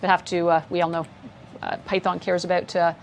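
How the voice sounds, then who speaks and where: A woman's voice: on the low side, level tone, fairly quick, creaky, slight background noise. A woman co-teaching a live coding lesson, chatty and upbeat as she explains while typing. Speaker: course instructor.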